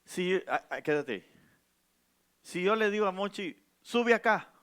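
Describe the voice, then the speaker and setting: Pastor, high voice, preaching in church, gets loud and emphatic. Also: male voice, expressive, unhurried, smooth. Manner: asks the congregation questions. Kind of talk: sermon.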